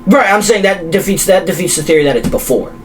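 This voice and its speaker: A man's voice: high voice, quick pace, rough recording. A young man co-hosting a podcast, talking casually and animatedly, with lots of fillers and restarts. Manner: animated, rambling with many fillers. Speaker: podcast co-host. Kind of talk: casual chat.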